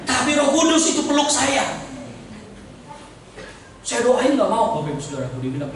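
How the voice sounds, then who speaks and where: A man with an Indonesian accent preaching a lively, joking sermon and calling out to the congregation. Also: very high-pitched, moderate pace, a little hiss or hum. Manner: jokey, animated, calls out to the congregation. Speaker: pastor. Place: church hall. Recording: echoey church hall, mic at a distance.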